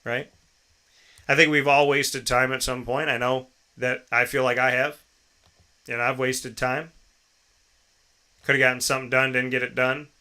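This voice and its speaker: An American host in his thirties gives a motivational personal monologue at normal speed, pausing often. His medium-pitched voice is flat in delivery yet pushed, bright, clear and resonant, and he speaks emphatically with repeated phrases and rhetorical questions.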